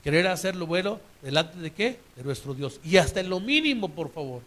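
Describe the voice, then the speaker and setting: A man's voice: a little high, expressive, fairly quick, fairly bright tone. A man preaching a sermon in a conversational way, asking rhetorical questions of the congregation.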